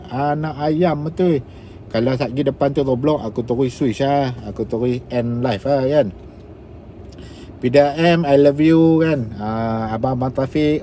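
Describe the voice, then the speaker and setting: A man's voice: medium pitch, dark tone, slight background noise. A man with a Kedah Malay accent telling rambling stories on a live stream while driving. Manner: chatty, rambling, slips into dialect. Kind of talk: casual live storytelling. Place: inside a car while driving. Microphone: phone live stream.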